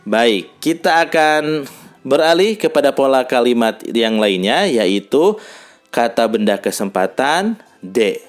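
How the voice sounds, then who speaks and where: A man teaching a language lesson, who reads example dialogues slowly and explains them patiently, with faint music behind him. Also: mid-range voice, lively intonation.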